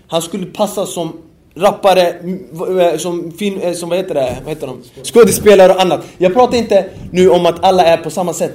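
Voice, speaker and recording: A man giving a religious lecture, speaking with passion that swings from quiet talk to shouting. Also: high voice. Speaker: preacher.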